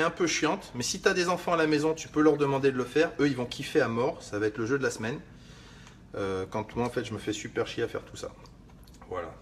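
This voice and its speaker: A man's voice: medium pitch, fairly bright tone, a little hiss or hum. Slangy, swearing French-speaking man vlogging. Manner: slangy, swears casually, speaks straight to the viewer; rambling, with restarts and asides. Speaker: fitness vlogger. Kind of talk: casual video chat while preparing a drink.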